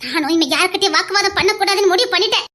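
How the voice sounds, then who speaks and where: A woman's voice: very high voice, rapid-fire, pushed and bright. A woman voicing a bitter, defiant young bride. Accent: Tirunelveli Tamil.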